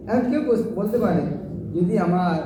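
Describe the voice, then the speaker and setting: A man leading a devotional scripture class, questioning his listeners and answering himself, chanting verses slowly. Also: high voice. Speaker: Gita class teacher. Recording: echoey hall, far from the mic, crowd noise.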